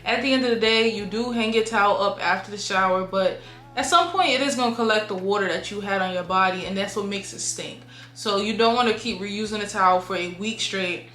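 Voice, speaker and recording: Speaking briskly with a sharp edge, a young woman at medium pitch delivers a casual advice monologue to her viewers, heavy on "like" and "y'all." She's a beauty and lifestyle vlogger, and the room around her echoes.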